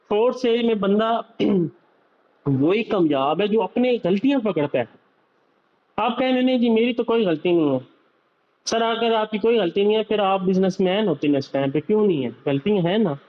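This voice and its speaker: A young man with a fairly high voice lectures his sales team in a motivational talk, circling back to the same points again and again. He speaks directly to them. The recording sounds dull and lo-fi. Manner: lecturing, repetitive, addresses listeners directly. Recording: slightly dull, lo-fi audio.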